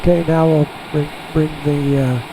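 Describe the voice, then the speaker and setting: A man flying a small jet who talks through each step in a relaxed, halting way, heard over a pilot headset in the cockpit. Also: fairly high pitch. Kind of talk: casual narration while flying. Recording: steady cockpit and engine noise.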